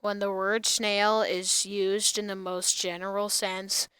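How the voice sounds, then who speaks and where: A child host reads an article aloud at a slow pace, in a flat monotone. The voice is clean and smooth, with a dry, close sound free of room echo. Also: mid-range voice. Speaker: host of a snail facts show. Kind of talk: reading an encyclopedia article aloud to viewers.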